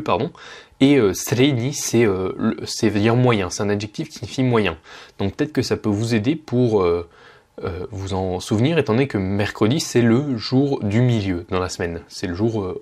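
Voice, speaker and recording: Brief: male language teacher, lowish voice, relaxed at-home lesson, patient, drags out example words. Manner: patient, slows down to model Russian words. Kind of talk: casual spoken lesson.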